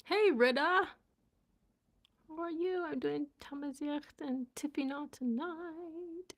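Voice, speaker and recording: A woman's voice: high voice, slow, a little hiss or hum. A young woman chatting casually on a live stream, giggling and sounding out words as she learns them. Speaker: vlogger and language learner.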